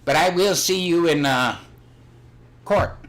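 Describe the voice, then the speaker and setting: A man's voice: a little high, takes it slowly, a bit bright. An older man chatting casually on his own livestream, blunt and rambling, swearing freely. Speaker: livestream host. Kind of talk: casual chat.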